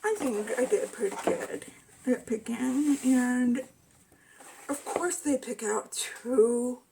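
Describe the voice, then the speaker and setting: A woman's voice: fairly high pitch, slow, vocal fry, noisy background. A woman beauty vlogger chatting casually as she reviews her monthly makeup bag, hesitant and full of fillers. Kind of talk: casual product review chat.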